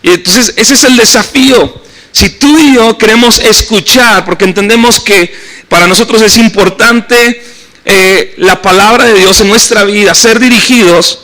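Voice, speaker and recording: Middle-aged Mexican male pastor, high bright voice, casual sermon that keeps checking in with the crowd. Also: rough recording. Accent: Mexican Spanish. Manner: conversational preaching with frequent tag questions. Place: church service.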